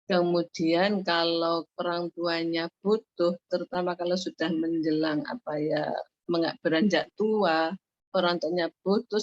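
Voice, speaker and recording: Low-voiced woman preaching. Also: dry recording. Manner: explanatory, repeats and rephrases points, frequent fillers. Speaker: religious teacher. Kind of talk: online sermon. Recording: dull muffled lo-fi audio.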